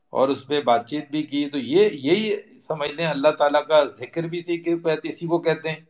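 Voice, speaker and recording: A middle-aged man with a somewhat raised pitch teaches a religious lesson. He explains earnestly, circling back over key phrases. He often drops English terms into his speech. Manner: earnest, repeats phrases for emphasis, mixes in English words. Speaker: Quran teacher.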